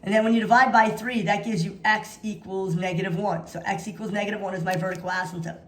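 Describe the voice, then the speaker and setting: A woman's voice: mid-range voice, steady tone, fast, fairly bright tone. A woman teaching math in an instructional walkthrough, dictating notation piece by piece and repeating key phrases for emphasis. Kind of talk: instructional walkthrough of practice problems. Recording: echoey room sound.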